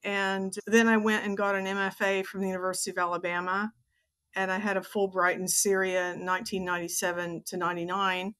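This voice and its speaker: Speaking briskly and flatly in a mid-range, slightly bright voice, this American-accented woman from Texas is in her sixties. She is an author and teacher talking conversationally as a guest on a podcast interview.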